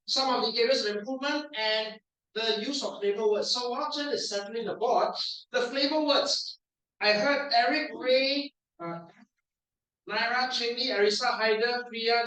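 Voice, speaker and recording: Singaporean guy doing pronunciation drills at a speaking club, playful, bright voice, far off the mic in a really echoey room. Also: very high voice. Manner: playful, drills words aloud slowly for the audience. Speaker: language evaluator at a speaking club. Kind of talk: club speech evaluation and pronunciation coaching.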